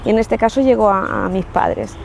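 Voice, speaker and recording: A woman from Ciudad Real in La Mancha, Spain, shares her personal faith testimony in a Spanish accent, earnest and reflective, often restarting her sentences. Her medium-pitched voice is very animated, creaky, and a little mellow at a moderate pace, with a bit of hiss or hum.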